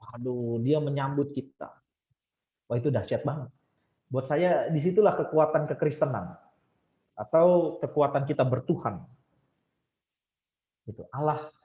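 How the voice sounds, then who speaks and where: A man giving a casual, emphatic Bible study lecture online, his voice jumping high to stress points. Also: reverberant, narrow, tinny audio.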